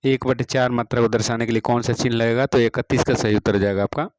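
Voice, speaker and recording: A male music teacher with a mid-range voice talks fast as he walks students through practice exam questions, saying each question twice. He closes every answer with a steady "all right" and fills pauses with "theek hai ji." The sound is close and dry, with no room echo.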